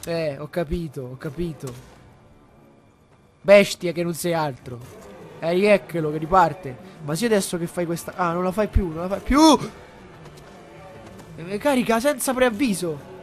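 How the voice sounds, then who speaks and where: A young man commentating his own video game boss fight, excitable, swearing, and shouting and repeating words in bursts. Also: high-pitched, moderate pace, pauses often, faint music behind. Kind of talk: live gameplay commentary.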